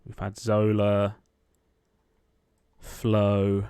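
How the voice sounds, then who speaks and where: A man with a lowish, unhurried voice works through a quiz, murmuring guesses half to himself. His tone is smooth and clear, recorded close and dry with keyboard clicks behind. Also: completely flat delivery, mellow, no echo. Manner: muttering names half to himself, lots of ums. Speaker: quiz gameplay streamer. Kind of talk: thinking aloud while playing a quiz. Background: keyboard typing.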